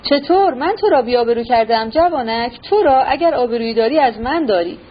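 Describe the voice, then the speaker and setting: A woman voicing an old retired general, proud and raging, who shouts indignantly. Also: on the high side, animated, slightly rough. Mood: furious. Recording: slightly dull recording, faint hiss.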